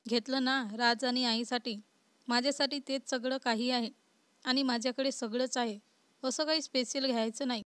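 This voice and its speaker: A woman voicing a lively, outspoken young woman in a story, close to her own reading voice. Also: high voice, normal speed, clean tone, no room sound. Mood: cheerful.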